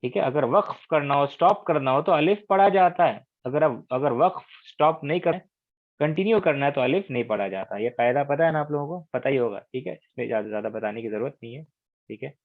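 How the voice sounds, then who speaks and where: A man from India teaching Arabic grammar in an online lesson, explaining patiently, checking understanding often and drilling words slowly. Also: mid-range voice, lively intonation, dry recording. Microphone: online call. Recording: tinny phone-like call audio.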